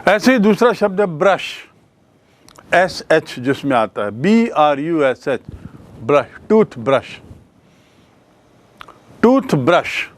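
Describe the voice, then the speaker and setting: A man's voice: fairly high pitch, sing-song, takes it slowly, pauses often. A man teaching a grammar lesson who asks the class questions, answers them himself and spells words out letter by letter.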